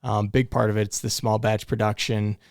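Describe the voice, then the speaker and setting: Man, casual co-host, talkative, low gravelly voice. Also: level tone, moderate pace, no echo, clean studio sound. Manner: chatty, says "right?" often. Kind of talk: casual chat.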